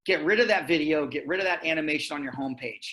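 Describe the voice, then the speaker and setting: Guy giving a sales webinar, high bright voice, energetic and straight to the point. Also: quick pace. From Florida, US. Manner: energetic, direct, persuasive salesman. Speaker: webinar presenter.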